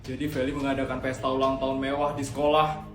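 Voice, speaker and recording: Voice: level tone, quick pace, close to an everyday voice. A performer voicing a male bodyguard who answers formally and dutifully, in a comedy skit. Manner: low, stiff and formal. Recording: roomy with music behind.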